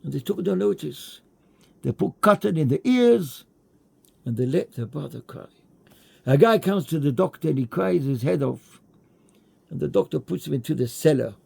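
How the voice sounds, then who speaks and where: A man giving a Torah lecture in English mixed with Hebrew and Yiddish terms, emphatic, rising high on rhetorical questions. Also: expressive, normal speed, gravelly, long pauses, darkish tone, breathy edge.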